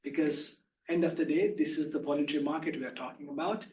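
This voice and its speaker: A soft-spoken man giving a slide presentation, explaining his points in an unhurried way. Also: steady tone. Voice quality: soft-spoken, low volume. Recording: echoey room, far from mic, faint hum.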